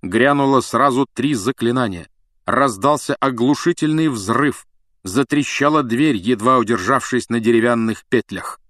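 A man reading a story aloud as an audiobook narrator, in measured storytelling. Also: mid-range voice, a bit bright, no echo, studio quality. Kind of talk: scripted narration.

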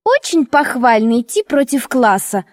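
A woman's voice: high-pitched, sing-song, normal speed, dry recording, clean studio sound. A woman voicing a venomous, sneering schoolgirl in an audiobook, hissing her words. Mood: spiteful. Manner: hissing and spiteful. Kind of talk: audiobook character reading.

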